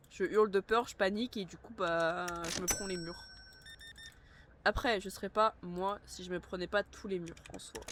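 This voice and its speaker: A woman's voice: fairly low pitch, background noise. A woman streaming a game live, chatting casually with her viewers and breaking into playful bursts of panic. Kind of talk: casual live-stream chat while gaming.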